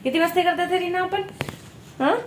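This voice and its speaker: A young woman, vlogging in a casual, animated way at her workplace, coaxing and teasing a colleague. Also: extremely high pitch, a little fast. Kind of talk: casual vlog chat. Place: workplace room among staff. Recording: echoey room, faint ambient noise.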